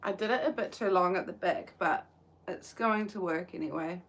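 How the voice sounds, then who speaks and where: A young woman with a lowish voice and a New Zealand accent talks at a moderate pace during a casual crochet livestream, sitting outside in the sun. She is soft-spoken and hesitant, with frequent "um"s.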